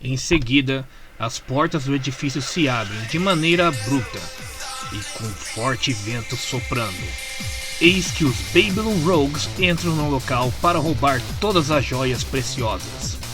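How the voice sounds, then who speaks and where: A Brazilian man with a Brazilian Portuguese accent narrates a fan comic dub, telling the story in an informal style. His medium-pitched voice is animated yet unhurried, with background music playing behind him.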